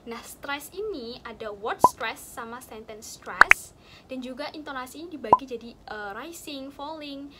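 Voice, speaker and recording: A woman's voice: sits high, expressive, unhurried, few pauses, heavy background noise. A young woman casually explaining study tips to a friend, chatty and full of fillers and examples. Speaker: student sharing study tips.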